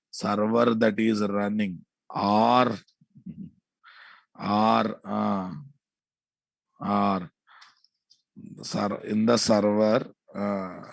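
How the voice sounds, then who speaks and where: A man's voice: fairly low pitch, creaky, no echo. A man with a Telugu Indian accent giving an informal technical lecture as an instructor, repeating himself and often checking that listeners follow. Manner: repetitive, checks understanding often with casual asides. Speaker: programming instructor.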